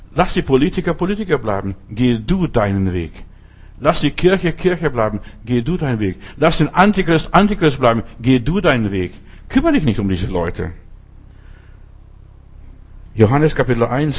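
A man gives an informal, unscripted sermon with a somewhat husky, breathy voice at an ordinary pitch. He speaks bluntly, addresses the listener directly and hammers his points home by repeating phrases. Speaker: preacher.

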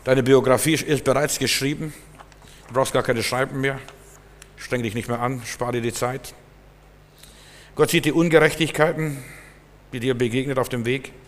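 Brief: male preacher, emphatic sermon delivery, mid-pitched, long hall reverb. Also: steady tone, normal speed, long pauses, slight background noise. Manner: emphatic, swinging between loud and soft.

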